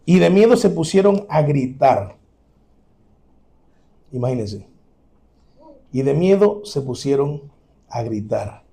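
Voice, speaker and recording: A male pastor, preaching an animated sermon and acting out the scenes he describes. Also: medium pitch, slow pace, gravelly, long pauses. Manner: animated preaching, dramatic re-enactment, chuckles.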